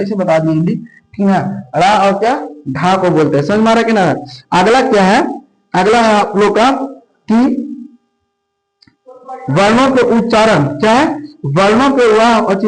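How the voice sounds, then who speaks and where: High-voiced man teaching in an echoey room. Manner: repetitive call-and-response questioning. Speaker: Hindi grammar teacher. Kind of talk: classroom lecture. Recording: roomy echo.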